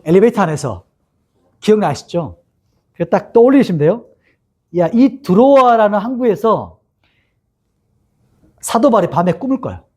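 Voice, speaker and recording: A man's voice: sits high, breathy edge. A man preaching a sermon as pastor, reading scripture aloud, asking the congregation questions and acting out quotes. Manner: lively, asks the congregation questions and acts out quotes.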